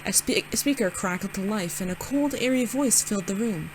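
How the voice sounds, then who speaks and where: A woman's voice: medium pitch, animated, fairly quick, very noisy. A young woman reading a visual novel aloud, casual and giggly, stumbling over words with side comments. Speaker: gaming channel host.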